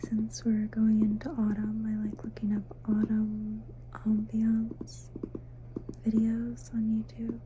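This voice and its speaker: A woman giving a soft, sleepy, casual ASMR ramble, mostly in a breathy whisper, unhurried and intimate as if talking to the listener. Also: fairly high pitch, slight background noise, rough recording. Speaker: ASMR host. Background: faint night ambience, crickets outside.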